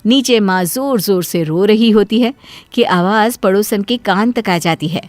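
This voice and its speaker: A woman's voice: medium pitch, measured pace, darkish tone, no room sound. Woman narrating a cartoon story, dry.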